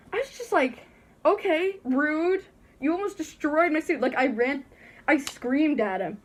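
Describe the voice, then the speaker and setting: Giggly teenage girl telling a story. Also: a little high. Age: teens. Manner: giggly, chatty, acts out quoted voices. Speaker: vlogger. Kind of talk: casual storytelling. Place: warm bedroom, wearing a fursuit head.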